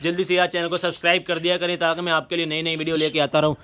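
Fast-talking man in a backyard vlog. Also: fairly high pitch, completely flat delivery, bright, forceful tone. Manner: fast, chatty, coaxing animals with repeated calls. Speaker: pet vlogger. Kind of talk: casual outdoor vlog narration. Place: outdoor yard with bird cages, aircraft passing overhead.

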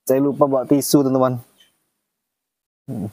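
A man vlogging as he feeds and looks after a baby animal, talking gently and coaxing it with repeated phrases. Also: medium pitch, flat delivery, normal speed, dry recording. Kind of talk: casual vlog narration.

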